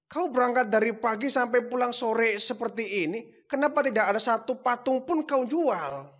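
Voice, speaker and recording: A man's voice: very high-pitched, normal speed, fairly bright tone, voice pushed up. A man voicing an older father who sells idols and scolds his son in exasperation. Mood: scolding.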